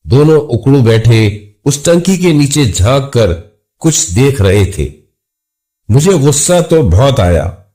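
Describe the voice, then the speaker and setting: A man narrating a scripted first-person horror story in a measured, suspenseful way. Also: medium pitch, warm tone.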